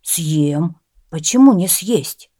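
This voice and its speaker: A woman's voice: on the low side, expressive, slow, dark tone, dry recording, clean studio sound. A woman voicing a sly, stubborn male peasant in a storybook reading. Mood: boastful. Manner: stubborn, cunning, cheerfully boastful.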